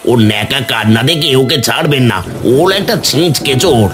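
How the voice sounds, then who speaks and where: A man's voice: medium pitch, animated, a little fast, close to an everyday voice. A man voicing a stingy, scolding village snack seller. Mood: angry. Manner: scolding, harsh. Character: gruff middle-aged male snack seller, stingy.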